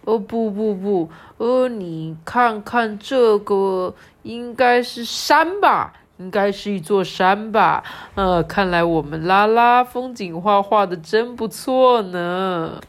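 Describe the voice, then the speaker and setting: A woman's voice: mid-range voice, slow, few pauses, close to an everyday voice. A woman voicing a flustered dinosaur father in a storybook, fussing and eager to please. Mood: flattering.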